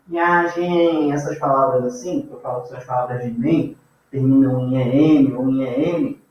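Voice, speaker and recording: A Brazilian man teaching a grammar class in a casual way, often checking in with his students. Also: medium pitch. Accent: Brazilian Portuguese. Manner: casual, checks in with frequent "tá?" and "beleza?". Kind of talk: informal classroom lecture. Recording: echoey room, distant mic, dull sound.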